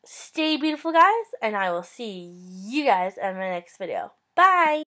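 Speaking slightly slowly in a somewhat high voice, this young vlogger shares a story from her small bedroom, talking straight into a close-up webcam. She stays chatty and upbeat throughout, gesturing energetically with her hands.

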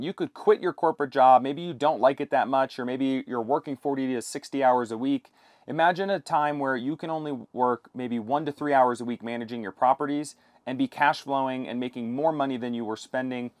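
A man's voice: medium pitch, no room sound. Young man, dry close-miked explainer. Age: 20s. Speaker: video host, property investor. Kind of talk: informal explainer talk to camera. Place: inside a camper van. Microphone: lapel mic.

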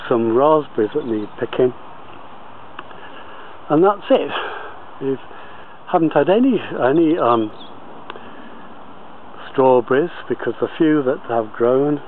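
Speaking slowly and haltingly, a man with a mid-range voice narrates an informal video tour of his allotment, frequently pausing mid-sentence. The muffled audio comes from the handheld camera he is holding, with slight background noise.

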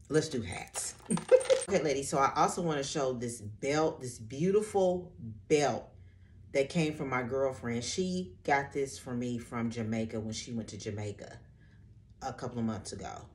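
A woman's voice: extremely low pitch, normal speed, a little mellow, a little hiss or hum. Chatty woman showing off accessories. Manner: chatty, addresses viewers as ladies; enthusiastic, repeats so good and love this. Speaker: fashion vlogger. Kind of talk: casual haul vlog.

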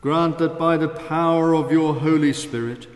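A man, a priest, leading the Mass in solemn, measured prayer and chant, his voice ringing with cathedral echo. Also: a little high, steady tone. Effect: cathedral echo, long church reverb. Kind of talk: liturgical prayer, spoken and chanted. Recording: echoey reverberant church hall.

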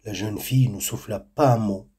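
A man telling a folk tale in a measured, deliberate storytelling narration. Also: lowish voice, crowd noise.

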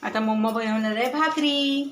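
At home in her kitchen, a woman cooks dinner and chats casually with viewers and her pet bird for her cooking vlog. Her voice is fairly bright, on the high side and at normal speed, caught off-mic in an echoey room. Pots and dishes clatter, adding slight background noise.

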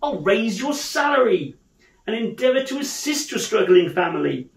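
An elderly storybook gentleman, acted by a man, bursting with hearty glee and exclaiming emphatically. His voice rides high and swings widely in pitch. The room adds a clear echo. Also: big pitch swings, moderate pace. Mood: joyful, earnest. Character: old miser reborn, giddy, hearty, excitable gentleman.

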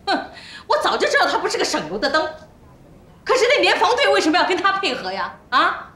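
An actress playing a quick-tempered middle-aged mother who complains loudly and stubbornly in a TV drama. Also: extremely high pitch, wildly swooping pitch, echoey room, heavily acted. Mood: indignant. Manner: loud, indignant complaining. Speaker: mother of a migrant family. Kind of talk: TV drama acting.

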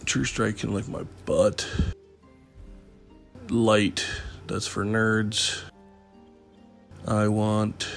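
A man's voice: lowish voice, gravelly. A man with a congested voice giving casual, joking let's play commentary over a game. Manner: joking, offhand, mock-outraged.

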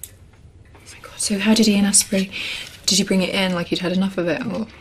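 A woman playing a gushing, breathy buyer. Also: mid-range voice, fairly even intonation, fast talker, slight background noise, lightly acted. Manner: gushing, often breathy and whispered. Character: gushing female buyer, easily impressed.

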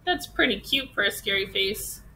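A woman playing a booming mummy dad. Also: expressive, moderate pace, slight background noise. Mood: hearty. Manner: booming, warm, reassuring. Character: big hearty father mummy.

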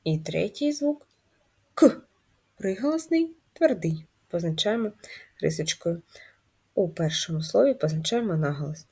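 A woman teaching a first-grade class, reading riddles and guiding letter writing in a slow, sing-song manner for young children. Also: lowish voice, expressive, warm tone, slightly rough. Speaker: primary school teacher. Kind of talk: first-grade handwriting lesson.

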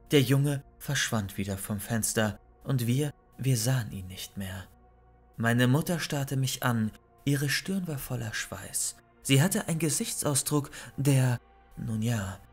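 A man in a mid-range voice reads a horror story aloud, measured and suspenseful in his pacing. Faint music plays softly behind him. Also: mid-range voice. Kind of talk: scripted narration of a horror story. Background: faint background music.

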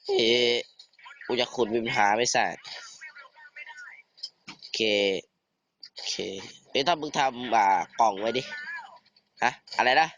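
A teenage man giving casual, excitable commentary over a survival game, swearing and bantering with a friend. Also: medium pitch, slight background noise. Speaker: gamer.

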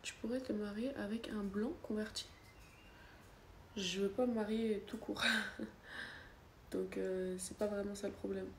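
Unhurried and creaky, her mid-range voice stays fairly even and pauses often. She's a young French woman with a cold, seated on her living-room sofa for a casual phone livestream where she answers viewers' comments; the phone sits at arm's length and the echoey room carries faint noise.

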